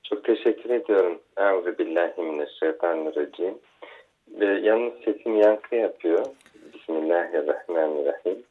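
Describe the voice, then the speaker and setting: A man, a religious scholar calling into a radio show, speaking calmly and reciting Arabic phrases while his voice echoes back on the phone line. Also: deep voice, moderate pace. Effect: echo on the phone line. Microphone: telephone. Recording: tinny phone line with echo.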